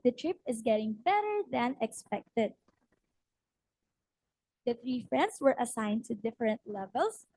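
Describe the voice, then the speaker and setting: A young woman tells a short story-style presentation at a ceremony, her somewhat high voice husky and strained. She pauses often with fillers as she goes. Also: big pitch swings, darkish tone, poor audio. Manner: hesitant with frequent fillers. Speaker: student practice teacher presenting. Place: ceremony hall.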